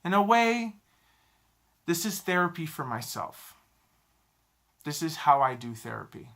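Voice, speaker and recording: A man in his thirties talking to a camera in a halting, self-critical confessional vlog, often repeating himself. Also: fairly high pitch, very animated, creaky, bright, forceful tone. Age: 30s. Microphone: camera mic, talking to a camera.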